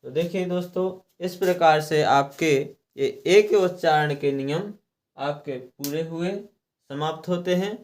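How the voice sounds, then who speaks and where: Unhurried and a little mellow, a man's slightly high voice works through a slow lesson on English reading rules. Every rule gets repeated patiently and letters are spelled out individually, with an occasional throat-clear.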